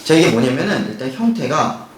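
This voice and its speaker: A male teacher walks through an English grammar lesson at a measured pace. He asks his class rhetorical questions and reads the English examples slowly and carefully. The sound carries a roomy echo over a faint background hum. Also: mid-range voice, very animated. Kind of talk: recorded grammar lecture.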